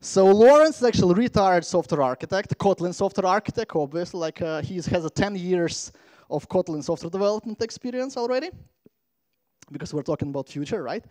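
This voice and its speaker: A man from Latvia giving a playful, energetic conference talk from a stage microphone. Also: high-pitched, a little fast, no echo. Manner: energetic, playful, engages the crowd. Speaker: conference speaker.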